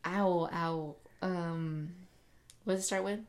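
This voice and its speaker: A woman's voice: fairly low pitch, steady tone, slow, a crowd in the background. A woman co-hosting a casual chat podcast, answering with playful, sassy quips. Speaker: podcast co-host.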